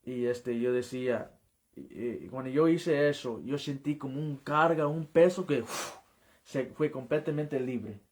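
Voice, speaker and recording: An earnest man telling his life testimony as an evangelist, his voice sitting at an ordinary middle pitch. He speaks haltingly and often stumbles back over his own words before pushing on. The delivery is plain and heartfelt, like someone recounting it in a conversation. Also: darkish tone. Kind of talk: personal testimony in an interview.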